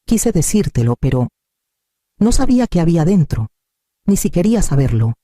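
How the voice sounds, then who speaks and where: An anxious grown daughter speaks softly and hesitantly, as a man reads her lines. The tone is deeply mellow and a little high, recorded dry and close. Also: sing-song, normal speed, no room sound. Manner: soft, hesitant.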